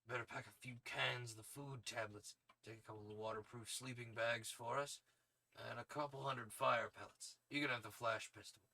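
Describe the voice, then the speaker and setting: A man voicing a gruff, hard-bitten space adventurer in a throat-straining, gravelly snake voice, reading storybook dialogue. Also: medium pitch, fairly even intonation, normal speed, pushed and bright. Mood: businesslike. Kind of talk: dramatic audiobook character reading.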